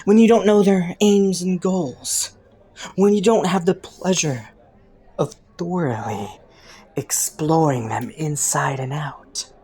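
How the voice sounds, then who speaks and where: Speaking slowly in a lowish, mellow voice, a woman performs an intimate monologue as a clever, flirty underworld rogue. In this roleplay audio drama she taunts and teases a detective with sultry, sardonic playfulness, addressing the listener directly.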